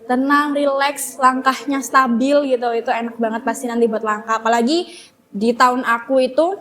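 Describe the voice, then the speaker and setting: A young woman with a slightly high voice chats easily as an interview guest. She talks in a loose, unhurried way and fills the gaps with little filler words. A faint hiss of background noise sits under her voice. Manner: relaxed, chatty, many fillers. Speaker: guest, former flag-raising team member. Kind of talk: casual interview chat.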